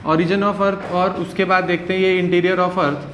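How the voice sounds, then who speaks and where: A man's voice: high voice, little pitch movement, measured pace, a bit bright, a little hiss or hum. A male teacher giving a classroom lecture in a conversational way, often checking in with his students.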